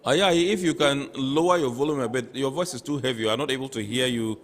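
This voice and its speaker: A male host, moderating a TV phone-in politely and briskly. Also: mid-range voice, big-room sound. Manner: polite, brisk, many backchannels.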